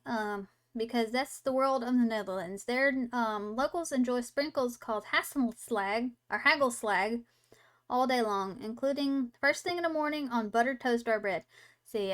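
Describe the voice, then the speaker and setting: A woman's voice: on the high side, a bit bright. A young woman hosting a casual livestream, chatting with viewers and reading trivia aloud before riffing on it. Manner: chatty, reads trivia aloud then riffs on it, sounds words out. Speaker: livestream host.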